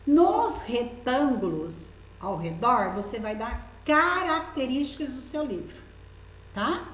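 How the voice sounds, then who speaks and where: A Brazilian primary school teacher, speaking slowly with a Brazilian Portuguese accent, guides her young pupils through a workbook, coaxing them patiently with many questions. Her voice sits on the high side and swings widely in pitch, and the low-quality recording has an echoey room sound.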